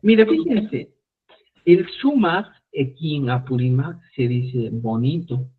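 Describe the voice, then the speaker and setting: A man teaching a live online Quechua class, repeating phrases slowly for students. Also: medium pitch, lively intonation, slightly rough. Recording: phone-like narrow sound.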